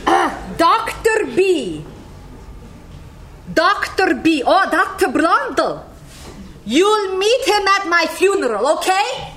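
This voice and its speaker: Her voice is extremely high and sing-song, fairly bright, and slow, with long pauses and a little hiss or hum in the background. An Icelandic-accented woman, she reminisces about a friend to a gathering in rambling, casual stories, chuckling often.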